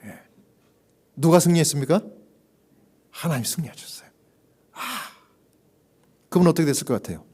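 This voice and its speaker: A man preaching as a pastor and chaplain. He tells a story with animation, acts out the voices of the people in it, and drops to a hushed whisper at solemn points. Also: fairly high pitch, lively intonation, normal speed, long pauses, husky. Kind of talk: sermon storytelling. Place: church.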